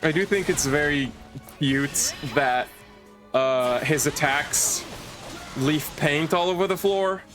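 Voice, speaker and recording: A woman's voice: deep voice, takes it slowly. A woman chatting casually as a gameplay commentator while playing. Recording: game music behind the voice.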